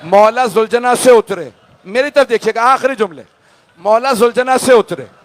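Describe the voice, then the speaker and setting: A man's voice: extremely high pitch, normal speed. A male cleric delivering an emotional mourning sermon and speaking directly to his listeners.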